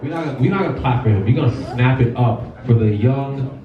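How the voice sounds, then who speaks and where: A man's voice: medium pitch, a little fast. A man hosting a live event, giving a casual, conversational introduction from the stage in an informal way. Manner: informal, conversational, peppered with 'you know'. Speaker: event host and organizer. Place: indoor live show stage. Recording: echoey venue, distant dull mic.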